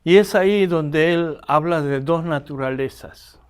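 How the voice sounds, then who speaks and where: An Argentine man with an Argentine accent gives a classroom lecture as a seminary lecturer, often putting rhetorical questions to his students. His voice is fairly high, clean in tone, and unhurried.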